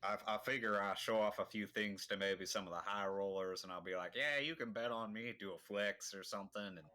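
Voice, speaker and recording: A man's voice: low voice, flat delivery, a little fast, bright, forceful tone. A man playing a tabletop game, joking and planning casually with the group. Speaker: player.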